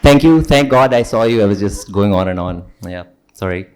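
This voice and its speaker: A man's voice: on the low side, lively intonation, normal speed, smooth, a faint crowd. A young man with a Pakistani accent hosting a ceremony, moving between formal thanks and playful, teasing banter. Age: young adult. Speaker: event host.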